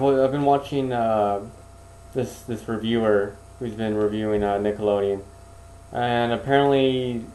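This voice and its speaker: A man with a mellow, relaxed voice chats casually on a podcast, hedging and circling back as he talks. He is recorded in an echoey room with a faint hiss behind him. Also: medium pitch. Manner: hesitant, hedging and restarting sentences. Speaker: podcast co-host. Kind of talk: casual chat.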